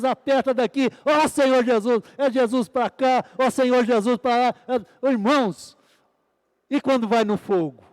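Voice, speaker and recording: High-voiced preacher crying out to God. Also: male voice, long reverb tail. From Brazil. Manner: repeated fervent "Ó Senhor Jesus" exclamations; asks the congregation questions and answers them. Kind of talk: sermon.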